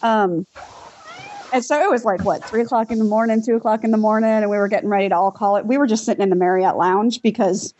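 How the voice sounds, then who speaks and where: A woman's voice: medium pitch, steady tone, quick pace, warm tone. A woman co-hosting a podcast, telling party stories in a casual chat and laughing often. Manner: giggly, laughs through her stories. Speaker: podcast co-host. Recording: dull lo-fi sound.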